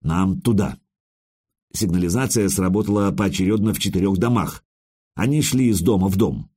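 A man's voice: low voice, brisk, dark tone, slightly rough. A man narrating a first-person audiobook in a wry, conversational storytelling manner.

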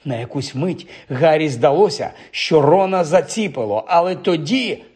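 A man reading a fantasy story aloud as an audiobook narrator, steady and vivid. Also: fairly high pitch, normal speed, breathy edge.

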